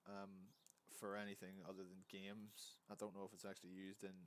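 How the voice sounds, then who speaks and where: A man's voice: low-pitched, monotone, normal speed, slight background noise. A man, hungover, rambling through a casual animation tutorial at his computer, often correcting himself. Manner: rambling, self-correcting, easygoing. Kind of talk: casual screen-recorded tutorial.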